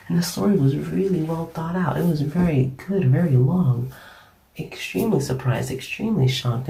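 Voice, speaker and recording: Sick raspy male ASMR creator, rambling and giggly, dark mellow tone. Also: on the high side, reverberant, distant mic. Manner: rambling, giggly, self-deprecating. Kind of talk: casual whispered chat.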